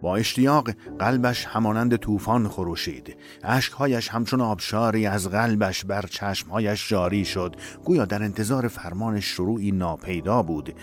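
A man reading a dramatic novel aloud in a measured, emotive storytelling voice. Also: fairly low pitch, soft background music. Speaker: narrator. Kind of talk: dramatic audiobook narration.

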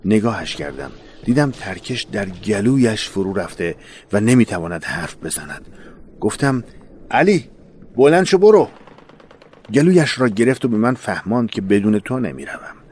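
A man reading a first-person memoir in a solemn, measured voice that often sinks low and soft. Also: expressive, slight background noise. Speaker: narrator of a war memoir. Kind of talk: scripted first-person narration.

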